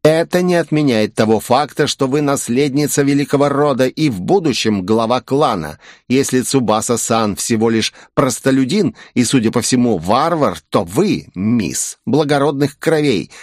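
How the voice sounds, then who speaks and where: A man voicing a strict, cold male professor with a creaky, severe manner. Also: medium pitch, expressive, measured pace, no room sound, studio quality, close to an everyday voice.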